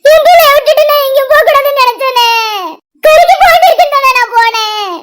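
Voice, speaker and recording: A woman's voice: very high-pitched, quick pace, a bit bright. A voice actor doing a wailing grief-stricken mother. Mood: grieving. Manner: wailing, lamenting. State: crying. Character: grieving mother wailing over her daughter. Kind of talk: animated cartoon voice acting.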